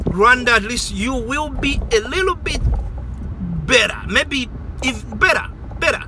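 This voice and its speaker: A man's voice: high-pitched, very noisy. A man from Zambia, giving casual advice in a rambling way and repeating words for emphasis.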